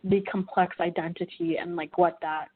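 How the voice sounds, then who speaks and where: She's a young filmmaker and student from Wichita, Kansas, being interviewed on a tinny phone-like line. Her voice is fairly low and slightly rough, steady in tone at a moderate pace, and she speaks reflectively with lots of fillers and restarts.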